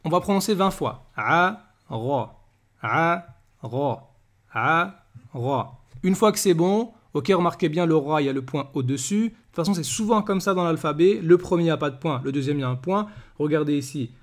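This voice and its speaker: A man runs a calm pronunciation lesson, voicing each letter slowly and repeating it. His voice sits a little high. He keeps asking whether the listener is following. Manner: patient, repeats letter sounds slowly, asks "d'accord?" often. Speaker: Arabic teacher.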